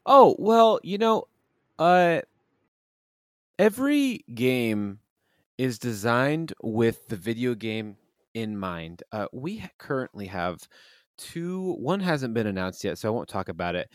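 A man's voice: mid-range voice, sing-song, takes it slowly, no room sound, clean studio sound. A man who designs and publishes games, answering interview questions in a rambling, enthusiastic way with many fillers and restarts.

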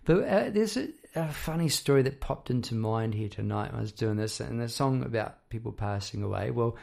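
A man hosts a casual, reflective monologue as a working musician. His voice is croaky and gravelly, with plenty of fry. He speaks in a halting, rambling way, doubling back on his words as he thinks aloud. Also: medium pitch, lively intonation, darkish tone. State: croaky voice after poor sleep. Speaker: songwriter and musician hosting a half-hour talk.

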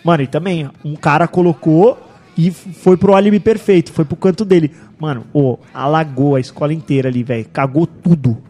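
A man's voice: fairly high pitch, a little fast, mellow, faint music behind. A man hosting a casual podcast chat, telling stories in slang with sound effects. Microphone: studio microphone with headphones.

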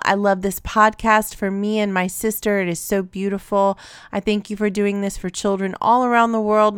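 A woman hosts a podcast and reads listener letters aloud with gentle encouragement. Her voice is smooth and resonant. The sound is dry and close, with no room around it. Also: medium pitch, no echo. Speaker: podcast host. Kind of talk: reading listener reviews aloud.

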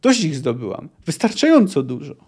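A fierce, scornful young witcher girl bent on revenge, read aloud by a man raising his pitch. Her lines come out clipped and biting, with a dark, mellow tone. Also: wildly swooping pitch, moderate pace, husky, heavily acted. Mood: bitter defiance. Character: fierce young female witcher, bitter and vengeful.

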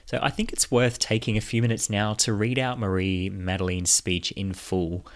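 A man's voice: lowish voice, flat delivery, normal speed. A man hosting a show, delivering scripted narration. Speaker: podcast host.

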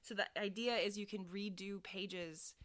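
A woman with a bright, forward voice, talking casually in a podcast chat. She giggles often, talks quickly and pokes fun at herself. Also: medium pitch, fairly even intonation. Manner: giggly, quick, self-deprecating. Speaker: science illustrator promoting her coloring book.

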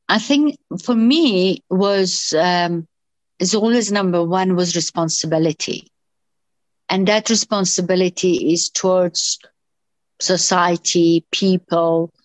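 A woman's voice: fairly low pitch, takes it slowly, dry recording. Hesitant woman from Iran, dry sound. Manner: hesitant, many fillers and restarts. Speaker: guest, doctor. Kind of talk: interview answers.

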